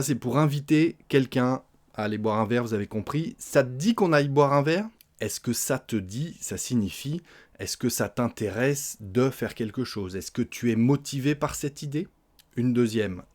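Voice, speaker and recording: Lively man teaching everyday French phrases. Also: medium pitch. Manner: explains phrases, then acts them out in lively example dialogue; frequent tag "hein". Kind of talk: spoken French lesson.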